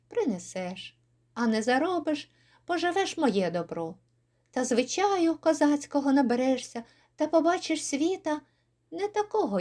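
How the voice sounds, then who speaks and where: A woman doing an old Cossack father, slow and lecturing. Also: on the high side, darkish tone.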